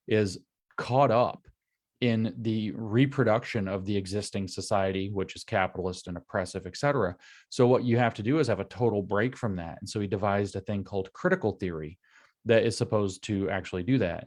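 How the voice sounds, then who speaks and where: A man's voice: lowish voice, a little mellow. A man speaking as a guest over a video call, explaining ideas in long lecture-like runs joined by "and so". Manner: long run-on explanations linked with "and so". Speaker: guest commentator. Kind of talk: explanatory lecture-style talk.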